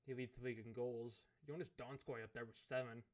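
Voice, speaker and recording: Thinking through decisions out loud, this man from Canada narrates a let's play of a hockey management simulation at a relaxed pace. He's a gaming commentator whose steady, mid-range voice has gone hoarse and is giving out.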